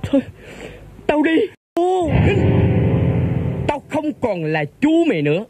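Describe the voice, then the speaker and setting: Brief: man playing hot-tempered uncle, very high voice, music in the background. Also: big pitch swings, slow, dry recording, heavily acted. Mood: scolding. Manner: scolding, shouting, sings lines. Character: middle-aged uncle back from abroad, hot-tempered. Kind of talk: comic sketch with sung verses.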